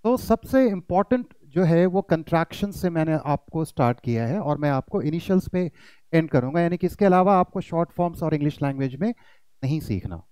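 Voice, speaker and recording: A man's voice: on the high side, brisk, darkish tone, clean tone, no room sound, low-quality recording. A man teaching pronunciation in an online lesson, addressing his students as kids and demonstrating rising and falling intonation.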